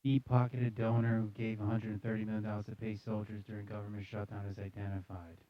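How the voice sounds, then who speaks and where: Talking fast in a lowish, level voice, a man riffs sarcastically on headlines he reads aloud, repeating them with mock seriousness for his casual comedic live news show. The recording is muffled, with music playing behind his voice.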